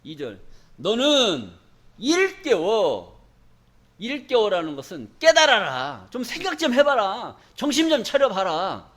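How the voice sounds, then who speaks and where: A man's voice: sits high, very animated, normal speed, few pauses, fairly bright tone. A male pastor preaching a sermon in a church, emphatic and folksy, often asking the congregation questions for them to answer back. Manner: call-and-response questions to the congregation.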